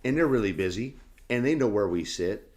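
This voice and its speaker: A man's voice: fairly low pitch, animated, a little fast, a little mellow. A man who is a senior pastor, talking earnestly and casually in a devotional chat. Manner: earnest, lesson-drawing talk.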